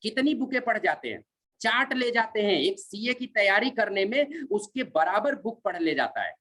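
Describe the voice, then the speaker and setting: A man's voice: high voice, big pitch swings, normal speed, pushed and bright. A man giving a motivational training talk on network marketing, driving each point home by repeating it and mixing in short English phrases. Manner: emphatic, repeats each point several times.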